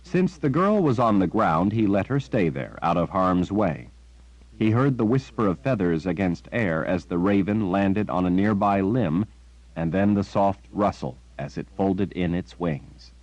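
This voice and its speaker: A male audiobook narrator with a very deep voice, reading in a measured storytelling manner. The recording is dry and close, with a somewhat dull, muffled tone. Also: expressive, a little mellow, no echo. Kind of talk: scripted narration.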